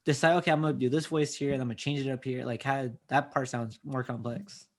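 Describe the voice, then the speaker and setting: A man's voice: mid-range voice, fairly even intonation, fast talker. A man hosting a casual interview, laid-back and curious, asking questions with lots of fillers. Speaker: podcast host.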